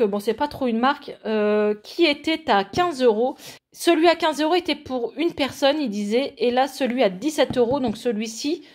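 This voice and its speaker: Woman, 40s, from France, casual haul vlog, fairly high voice, chatty with fillers. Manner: chatty, shows products to camera with many fillers. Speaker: vlogger.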